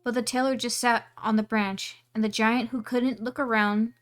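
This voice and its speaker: A woman's voice: a little high, fairly even intonation, normal speed. A woman streamer casually reading a storybook aloud, giggling and adding asides on the text.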